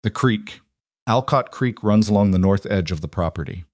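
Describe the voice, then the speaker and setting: A man's voice: fairly low pitch, moderate pace, darkish tone, no room sound, studio quality, natural voice. A man voicing a guarded cowboy rancher in an audiobook, speaking tersely and carefully. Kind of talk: audiobook narration.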